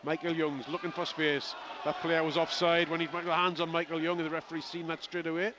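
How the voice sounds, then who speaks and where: A man giving live play-by-play radio commentary on a rugby match, with rapid running calls and chatty asides to his co-commentator. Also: fairly high pitch, little pitch movement. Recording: lo-fi broadcast with outdoor crowd noise.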